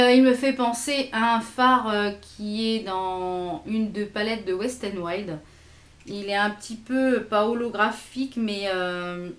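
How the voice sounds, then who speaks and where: Chatty woman vlogger in an echoey room. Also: medium pitch. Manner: chatty, hesitant with many fillers, swatching products on her arm. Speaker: beauty vlogger. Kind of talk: casual makeup haul chat.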